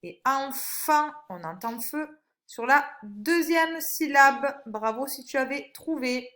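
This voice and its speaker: A woman, a primary school teacher, giving a recorded phonics lesson for young children, with slow, clear and encouraging instructions. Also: high voice, lively intonation, pushed and bright. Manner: stretches out single words when reading them aloud.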